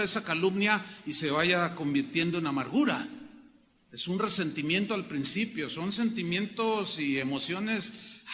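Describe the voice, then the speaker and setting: A man's voice: sits high, long reverb tail, slight background noise. A man pastor preaching a sermon with passion, now and then crying out quoted words. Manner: impassioned preaching, shouting out quoted cries.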